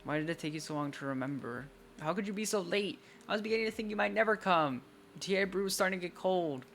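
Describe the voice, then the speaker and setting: A man's voice: sits high, fast talker, a bit bright, a little hiss or hum, voice pushed up. A man voicing a playful, teasing young woman spirit in a sing-song manner. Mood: pouting.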